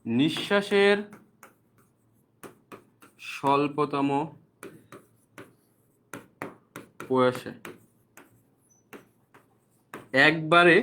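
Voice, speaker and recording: A young man teaching an online exam-prep lesson. He explains step by step, asking quick rhetorical questions and answering them himself. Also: sits high, a bit bright. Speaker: admission-prep tutor.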